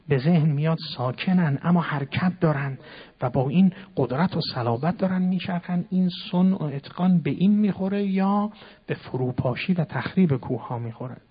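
A man's voice: medium pitch, breathy edge, lo-fi sound. Man lecturing on scripture and verse. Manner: chants verses slowly, then acts out quoted speakers loudly. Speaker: religious lecturer. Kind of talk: Quran and Masnavi lecture with recited verse.

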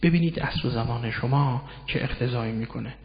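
A man giving a religious lecture on Quranic verses, explaining step by step and slowing down to recite Arabic verses. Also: mid-range voice. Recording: roomy hall echo, dull lo-fi sound.

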